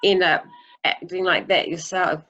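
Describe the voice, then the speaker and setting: A woman's voice: lowish voice, steady tone, measured pace, fairly bright tone. A woman interviewing someone in a casual, conversational way. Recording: muffled lo-fi sound, faint noise.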